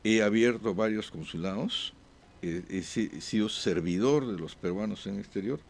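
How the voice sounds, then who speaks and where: A man speaking as a diplomat guest in an interview, with halting answers full of "eh" pauses and restarts. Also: fairly low pitch, vocal fry. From born abroad.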